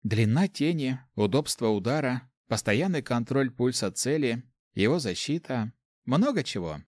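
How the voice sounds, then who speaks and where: Soft young heroine of a fantasy audiobook, calm and explaining, as a male narrator reads her in a slightly raised voice. Dry, close sound. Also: medium pitch, normal speed, dry recording, natural voice. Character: young woman, gentle apprentice assassin.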